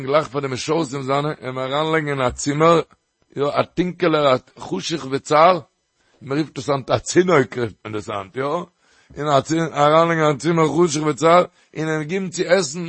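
A man delivers a Torah lecture, telling a story with lively emphasis. His voice sits a bit high for a man. The sound is dry, with no room echo. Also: normal speed. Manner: animated, often rising to emphatic bursts. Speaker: Torah teacher.

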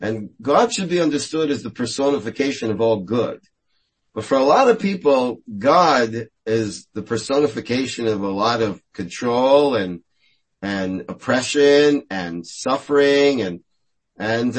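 A man's voice: mid-range voice, animated, measured pace, slightly rough, rough recording. Thoughtful man speaking on faith. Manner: thoughtful, repeats words while searching for phrasing. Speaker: guest speaker answering questions on faith. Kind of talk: reflective spiritual talk.

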